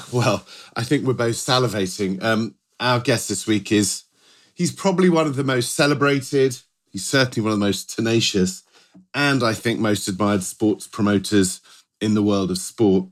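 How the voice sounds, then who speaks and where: A man's voice: lowish voice, moderate pace. A middle-aged British man co-hosting a podcast in a conversational style, often rephrasing as he goes. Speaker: podcast co-host.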